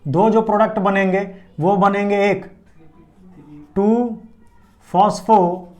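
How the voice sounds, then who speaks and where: High-voiced man teaching biology at a board. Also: fairly even intonation, measured pace. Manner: asks and answers his own questions, checking understanding. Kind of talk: classroom lecture at a board.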